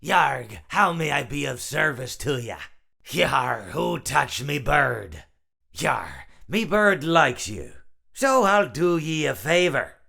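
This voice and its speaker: A man voicing a gruff pirate animatronic in a video game, with a gravelly stage-pirate drawl. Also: a little high, big pitch swings, slow pace, bright, forceful tone, heavily acted. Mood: gruff, salty. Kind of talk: video game character acting.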